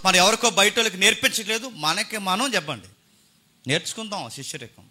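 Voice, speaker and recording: A middle-aged male pastor preaching with high, piercing force. His delivery is theatrical, with sudden swings between loud bursts and hushed asides. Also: expressive, fast. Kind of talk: Telugu sermon.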